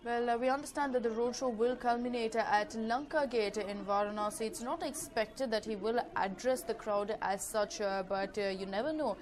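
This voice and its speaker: A woman with an Indian English accent gives live news commentary as a TV reporter, improvising with frequent hesitant, drawn-out pauses. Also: a little high. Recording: clearly noisy live broadcast ambience.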